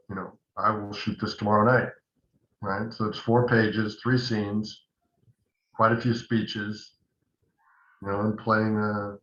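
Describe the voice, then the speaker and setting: An older man who acts and coaches actors tells rambling stories with many asides during a casual phone interview. His lowish voice is pushed and bright, and the line is echoey and dull.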